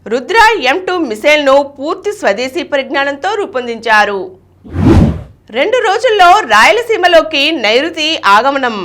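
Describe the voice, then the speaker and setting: A woman news reader delivers a scripted bulletin in a high, fairly bright voice at normal speed. Her intonation swings widely in pitch from phrase to phrase.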